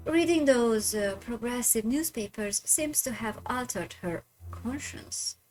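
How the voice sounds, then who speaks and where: A woman's voice: a little high, expressive, measured pace, darkish tone, faint music behind. A woman voicing a stern upper-class Victorian woman who scolds her younger sister in a haughty manner.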